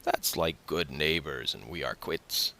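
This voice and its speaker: A man voicing a grinning, envious young tailor neighbor in a loud, falsely hearty way. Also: rumbling low, unhurried, full character voice.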